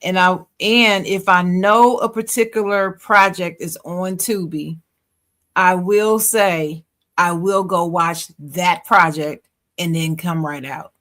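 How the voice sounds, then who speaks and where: A woman's voice: lowish voice, fairly even intonation, slow pace, a bit bright. A woman co-hosting a podcast in casual chat, frank and opinionated, laughing easily. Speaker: podcast co-host.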